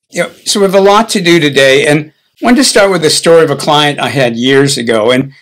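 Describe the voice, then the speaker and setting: An older man teaching a guided healing session in a relaxed, conversational way, chuckling now and then and often restarting his sentences. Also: fairly high pitch, poor audio.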